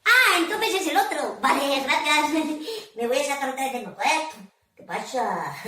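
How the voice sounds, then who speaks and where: A woman's voice: high voice, lively intonation, unhurried, bright, forceful tone. A woman telling stories to children in a library, playful and theatrical, often asking her audience questions. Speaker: children's storyteller. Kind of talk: lively storytelling for children. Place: public library room. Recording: very echoey room, voice from a distance.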